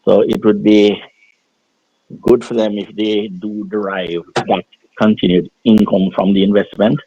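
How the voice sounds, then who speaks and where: Middle-aged man, muffled as if through a wall, husky lowish voice, hesitant with ums, dull call line. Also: level tone, mellow. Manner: hesitant, many pauses and ums. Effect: muffled, as if heard through a wall. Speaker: caller. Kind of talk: casual discussion. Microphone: phone.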